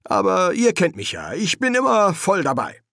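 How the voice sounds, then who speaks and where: A man's voice: high-pitched, huge pitch swings, normal speed, creaky, fairly bright tone, dry recording, clean studio sound, pitched above the performer's own voice, exaggerated voice. A man voicing a nervous, fawning male demon who stammers and hesitates.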